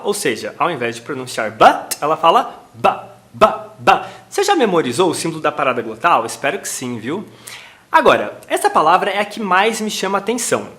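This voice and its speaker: Lively, animated Brazilian man teaching. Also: fairly high pitch. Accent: Brazilian Portuguese. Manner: animated and chatty, addressing viewers directly. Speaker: English pronunciation teacher. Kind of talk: playful video lesson on song pronunciation.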